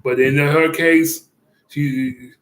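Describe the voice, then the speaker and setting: A man's voice: fairly high pitch, fairly even intonation, fairly bright tone. Rambling man, echoey room. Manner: rambling, halting, many fillers and restarts; chuckles often. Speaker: commentator. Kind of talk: casual commentary.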